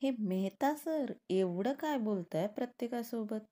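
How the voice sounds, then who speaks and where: A woman's voice: fairly high pitch, lively intonation, unhurried, warm tone, voice pushed up. A woman voicing a curious young man who has just joined the office. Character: curious young male new employee.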